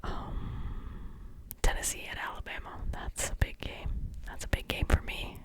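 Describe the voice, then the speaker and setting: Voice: measured pace, low-quality recording. A host with a Midwestern American accent, giving whispered ASMR sports talk up close to the mic, rambling with many ums and restarts.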